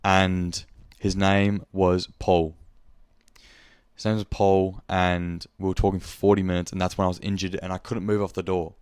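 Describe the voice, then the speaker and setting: A man's voice: low voice, level tone, quick pace, hardly any pauses, darkish tone, clear, resonant tone, no echo, studio quality. A young man with an Australian accent, hosting a podcast in a casual, rambling monologue, speaking frankly and swearing freely. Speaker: podcast host.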